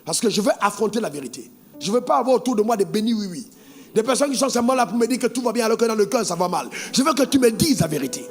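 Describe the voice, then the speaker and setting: Male pastor, high pitch, animated sing-song sermon delivery that breaks into shouts. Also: quick pace, soft background music. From Côte d'Ivoire.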